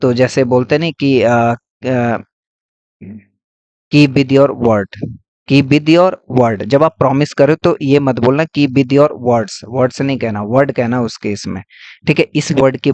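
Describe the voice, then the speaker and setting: A man's voice: medium pitch, a little mellow, no room sound. A man teaching English grammar, explaining patiently and repeating key points with frequent checks. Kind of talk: classroom-style lesson.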